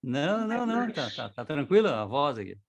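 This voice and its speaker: A man's voice: a little high, very animated, fairly quick, vocal fry, crowd noise. A man from Brazil leading a study group on a video call, affirming and talking with many restarts. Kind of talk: casual online group discussion.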